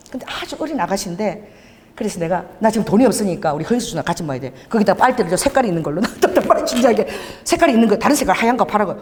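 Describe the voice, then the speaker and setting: A middle-aged woman pastor preaching a sermon, telling stories with laughter and acting out dialogue. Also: mid-range voice. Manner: animated, laughing, acts out dialogue. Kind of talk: sermon with storytelling. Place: church sanctuary. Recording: long hall reverb.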